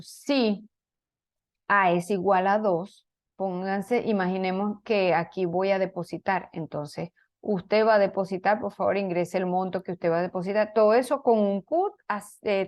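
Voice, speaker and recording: A woman teaching a programming class, walking students through code step by step and checking in with frequent questions of "¿ok?". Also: medium pitch. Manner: explains step by step, many fillers and restarts, asks "¿ok?". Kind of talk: online class lecture.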